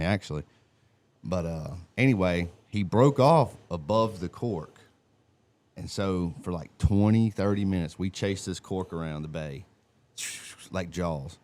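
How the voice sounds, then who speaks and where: A man, co-hosting a live stream and telling stories in a colorful, animated way. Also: low-pitched. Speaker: co-host. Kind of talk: casual live-stream chat and storytelling.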